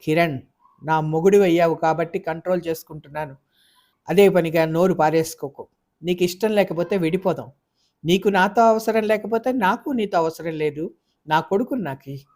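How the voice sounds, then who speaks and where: A woman's voice: lowish voice, a little slow, dark tone. A storyteller voicing a wounded young wife and mother who argues back in a Telugu audio novel. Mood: defiant. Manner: pleading then fiercely defiant. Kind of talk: audiobook character voice.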